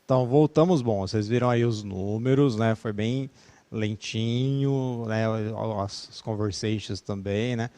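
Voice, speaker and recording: A male English teacher with a Brazilian Portuguese accent leads an online class in a chatty, easygoing way, laughing easily and ending sentences with "né". His voice is medium-pitched with a dark tone, at a measured pace.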